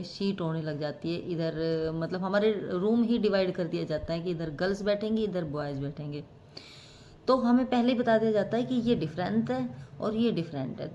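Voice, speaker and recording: A woman vlogger talking casually to camera in a reflective way, pausing often with fillers. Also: mid-range voice, dark tone, highs cut off, a little hiss or hum. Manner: reflective, musing, with many fillers and hesitations.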